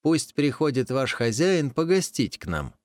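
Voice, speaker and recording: A man's voice: medium pitch, sing-song, unhurried, no echo, clean studio sound, pitched above the performer's own voice. A man voicing a timid wolverine in a folk tale, speaking in broken, simple phrases. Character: timid wolverine, meek and scared.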